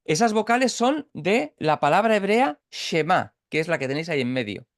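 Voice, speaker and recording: A man's voice: a little high, big pitch swings, moderate pace, no echo, clean studio sound. A man from Catalonia teaching an informal Bible study over a video call, explaining step by step with frequent restarts and checks for understanding. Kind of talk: informal online Bible class.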